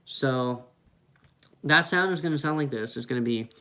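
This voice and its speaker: A man's voice: medium pitch, normal speed, background noise. A man on a headset mic giving a casual beatboxing tutorial, explaining step by step and demonstrating the sounds. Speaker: beatbox teacher.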